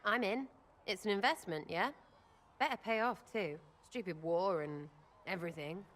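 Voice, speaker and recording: A woman's voice: mid-range voice, normal speed, fairly bright tone, natural voice. An actress playing a blunt, sarcastic young woman archer in a video game, crude and irreverent. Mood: flippant. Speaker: companion character in a video game.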